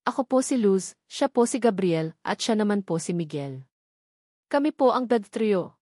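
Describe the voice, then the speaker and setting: A woman's voice: medium pitch, expressive, moderate pace, mellow, no room sound, studio quality, lightly acted. A woman voicing a sweet, shy little girl who answers politely in a story reading.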